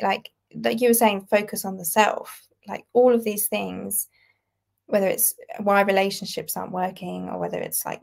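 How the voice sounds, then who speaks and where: A woman's voice: mid-range voice, gravelly, a little mellow. A British woman in her twenties, a writer and podcast guest, speaking thoughtfully in a casual conversation. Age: 20s.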